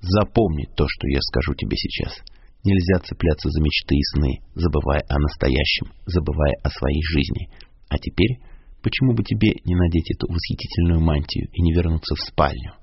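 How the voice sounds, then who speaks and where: A kindly old wizard headmaster speaks calmly with a touch of wry humor, as a low-voiced man reads him aloud. The voice is deep and gravelly. The sound is dull and lo-fi, like an old radio broadcast. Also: brisk, no echo, exaggerated voice. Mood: gentle wise. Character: old wise gentle male wizard headmaster.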